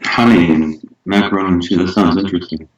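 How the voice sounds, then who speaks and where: A man chatting casually over a call, laid-back and halting, often using fillers. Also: sits low, fairly even intonation. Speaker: co-host prankster. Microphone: webcam mic with speakers. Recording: roomy far-off webcam mic with echo.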